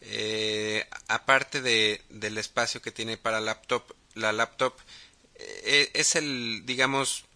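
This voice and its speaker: A man with a Mexican accent hosting a casual podcast, talking haltingly with many fillers and restarts. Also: on the low side, steady tone, sharp tone. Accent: Mexican Spanish. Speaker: podcast host.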